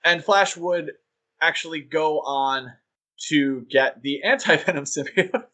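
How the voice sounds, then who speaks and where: Slightly high and a little slow, his voice sounds pushed and bright. He's co-hosting a podcast in a casual, joking style, leaning on plenty of filler words.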